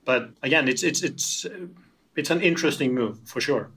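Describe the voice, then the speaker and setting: A man's voice: fairly high pitch, moderate pace, fairly bright tone, slight background noise. A man from Iceland, answering interview questions as a company founder, often repeating words as he restarts. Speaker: tech company founder, guest.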